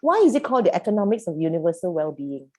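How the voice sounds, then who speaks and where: A woman's voice: fairly low pitch, very animated, rapid-fire, darkish tone. A woman facilitating a youth program over a video call, speaking emphatically and posing one rhetorical question after another. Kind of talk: animated group coaching.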